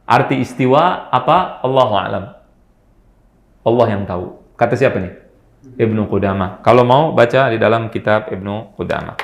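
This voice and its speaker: Guy teaching a religious study class, reads out arabic poetry slow, keeps asking "clear?", roomy echo. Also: fairly low pitch, expressive. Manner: quizzing listeners with quick questions; recites Arabic verse slowly. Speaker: Islamic teacher. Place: study room at an organization office.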